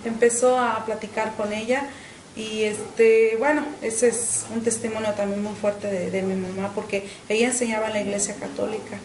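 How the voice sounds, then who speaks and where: A middle-aged woman, giving an earnest personal faith testimony in an interview, often pausing on "este" and repeating words. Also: mid-range voice, flat delivery, darkish tone, echoey room, low-quality recording. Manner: earnest, with frequent "este" fillers and repetitions. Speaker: interview guest.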